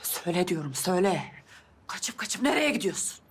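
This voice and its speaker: A woman's voice: sits high, big pitch swings, normal speed, pushed and bright, heavily acted. An actress playing a middle-aged mother sharply scolding her daughter. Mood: stern.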